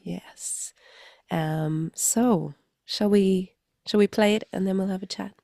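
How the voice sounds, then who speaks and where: A woman co-hosting a relaxed podcast chat, her voice thick and congested from a flu. She laughs easily and keeps things playful. The sound is dry and close. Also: medium pitch, slow, vocal fry, no room sound. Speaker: podcast co-host. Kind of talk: casual chat.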